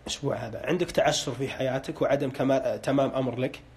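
A man's voice: medium pitch, steady tone, very fast, a little mellow, breathy edge. A man on a live broadcast, interpreting dreams and asking callers short questions, with a pious, hedging way of speaking. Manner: hedging with religious phrases.

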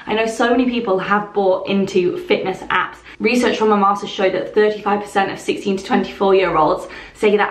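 A young woman in her twenties chatting enthusiastically to camera in a casual vlog. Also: mid-range voice. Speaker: lifestyle vlogger. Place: bedroom walk-in wardrobe, indoors. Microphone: camera on a stand, close. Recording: roomy echo.

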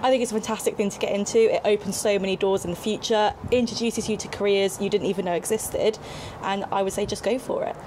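A young woman from England talks about sailing with upbeat enthusiasm, her voice sitting at a middle pitch. Clear outdoor noise surrounds her by the waterfront. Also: steady tone, fast talker, darkish tone. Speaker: sailing instructor. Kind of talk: casual interview answers. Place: outdoor waterfront under a bridge.

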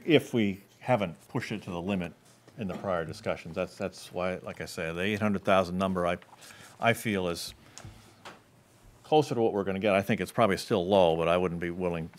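A man with a low voice speaks at a town board budget meeting, measured and hedging, often restarting his sentences. He talks into a table microphone in a municipal meeting room. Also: fairly even intonation, slight background noise. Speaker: select board member.

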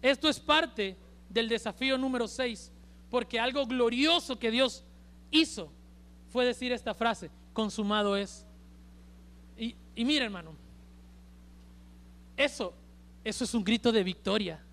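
A male preacher with a Honduran accent delivering an emphatic sermon at a church service, swinging between loud and hushed. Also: very high voice, measured pace, pauses often. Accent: Honduran Spanish.

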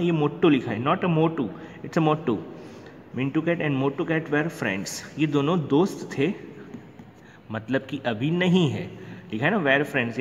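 A man's voice: medium pitch, a little hiss or hum. Chatty male schoolteacher in a roomy space. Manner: chatty, asks questions and answers them himself. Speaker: primary school teacher. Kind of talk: recorded classroom lesson.

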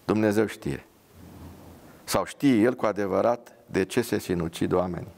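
A man reading his drama aloud and reflecting in a measured way, pausing often. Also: on the low side, creaky, darkish tone. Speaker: writer reading his work.

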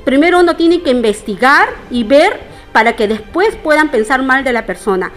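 Middle-aged woman, high voice, formal and indignant public statement, faint music behind. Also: animated, moderate pace, fairly bright tone. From Peru. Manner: indignant, formal, addresses the townspeople directly. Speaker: interviewee.

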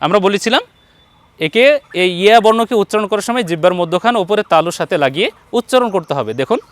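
Patient, high-voiced man teaching letter sounds. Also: expressive, no room sound. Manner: encouraging, models each letter slowly and repeats it. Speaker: Quran recitation teacher. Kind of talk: patient one-on-one pronunciation lesson.

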